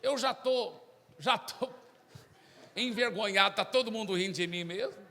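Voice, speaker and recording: A man's voice: sits high, moderate pace, sharp tone, in a large hall. A man voicing a timid, simple young male believer who speaks hesitantly, then boldly. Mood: nervous.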